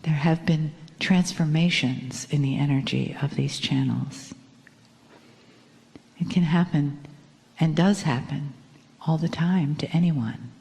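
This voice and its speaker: Soft, low, soothing woman guiding meditation, reverberant. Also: takes it slowly, long pauses. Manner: soft, soothing, breathy spa-like delivery. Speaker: guided meditation leader. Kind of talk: guided meditation. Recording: long hall reverb.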